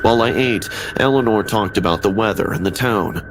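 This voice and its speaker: Deep-voiced man narrating a horror story. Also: a little fast, background noise. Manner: steady, ominous storytelling. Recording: animation audio with background music.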